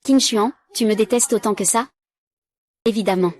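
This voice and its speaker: A woman's voice: medium pitch, normal speed, a little mellow. A woman reading dubbed drama dialogue, giving every character's lines in the same plain voice. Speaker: dub voice for a drama recap.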